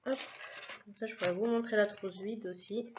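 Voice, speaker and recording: A woman's voice: medium pitch, fairly even intonation, moderate pace, highs cut off, background noise. A woman casually presenting a subscription box in a vlog, describing each item one by one in a chatty way. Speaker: vlogger unboxing a subscription box.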